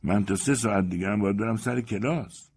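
A man's voice: fairly low pitch, a little mellow, husky, voice pushed up. Man as a nervous middle-aged professor. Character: anxious middle-aged male professor, restless and eager.

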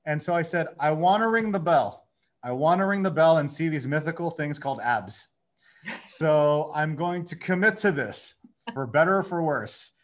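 Animated man in his thirties. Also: on the high side, normal speed. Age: 30s. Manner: animated storytelling, acting out his own inner dialogue. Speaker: podcast guest, entrepreneur. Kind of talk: casual conversation.

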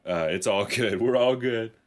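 A man's voice: fairly low pitch, normal speed. A man co-hosting a comedy podcast, rambling through a profane, laughing story. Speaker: podcast co-host.

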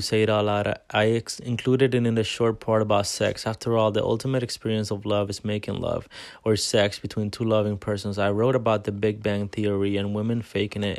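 A man narrating a nonfiction audiobook in a steady reading voice, now and then stumbling and restarting a word. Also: on the low side, dry recording. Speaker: audiobook reader.

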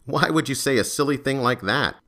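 A man's voice: medium pitch, a little fast, a bit bright, close to an everyday voice. A man voicing a grungy, needy young woman who talks in an eager, chiding way, in an audio story.

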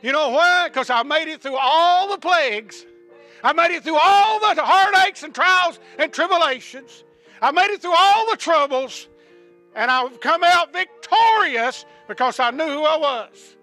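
A man preaching a sermon, repeating questions to the congregation and ending in a hushed prayer. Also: very high-pitched, unhurried, soft background music. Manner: rising to shouts of praise, then hushed prayer.

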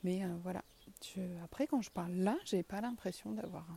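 A woman's voice: medium pitch, fairly quick, gravelly, warm tone, a little hiss or hum. A woman with a southwest French accent, hosting a casual solo podcast while walking around her garden, candid and self-deprecating with the odd swear word. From southwest France. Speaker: podcast host.

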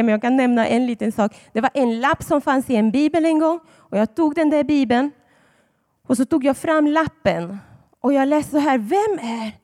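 A woman preaches to a congregation in a fairly high voice, her words ringing out with a long hall reverb. She tells personal stories in a chatty, warm-hearted way and leans into dramatic emphasis on key words. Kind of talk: sermon to a congregation.

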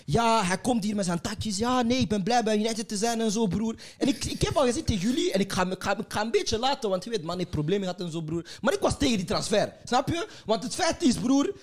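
A man hosting a football talk show, ranting loudly and profanely and mock-imitating players. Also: high voice, lively intonation, fast, hardly any pauses. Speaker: host. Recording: group of people talking and laughing nearby. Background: other panelists' chatter and laughter.

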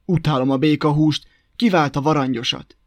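A man voicing a gruff, vengeful wolf who growls his threats in a blustering way in a storybook tale. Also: a little high, fairly even intonation, no echo, lightly acted.

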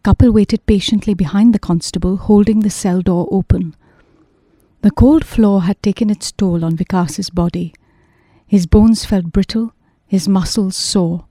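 A woman narrating an audiobook in a measured, even way. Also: mid-range voice, no room sound, studio quality.

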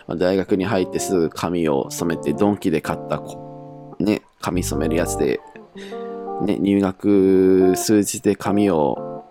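A man's voice: sits low, a little slow, over music. A young man from Japan chatting casually and with self-mockery as he looks back over his old diary, with many fillers.

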